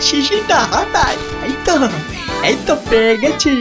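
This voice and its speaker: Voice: sits high, expressive, normal speed, music in the background. A voice actor playing a sneaky male thief in a cartoon, muttering to himself as he works. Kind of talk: cartoon voice acting.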